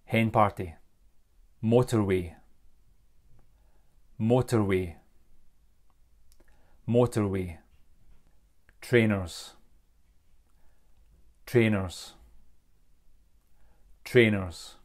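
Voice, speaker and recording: A man's voice: lowish voice, a little slow, long pauses. A man from Britain, a native English speaker, teaching vocabulary in Japanese and repeating each word three times.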